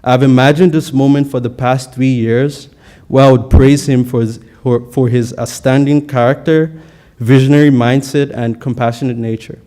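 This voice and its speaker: A man's voice: medium pitch, steady tone, normal speed, dark tone. A young man giving an earnest, prepared valedictory speech at a college graduation, with occasional stumbles on words.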